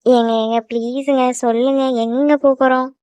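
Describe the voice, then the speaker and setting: A woman's voice: high-pitched, little pitch movement, warm tone, smooth, dry recording, close to an everyday voice. A woman voicing a jealous cartoon girlfriend. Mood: curious, pleading. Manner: quick, sulky scolding. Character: young woman, jealous quick-tempered girlfriend. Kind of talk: cartoon voice acting.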